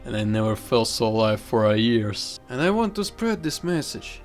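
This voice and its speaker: A young man narrates his own vlog in an earnest, heartfelt tone, clearly reading from a script. His voice sits at an ordinary mid pitch. Soft music plays quietly beneath him. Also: sing-song, normal speed. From Kazakhstan. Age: 20s. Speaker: vlogger.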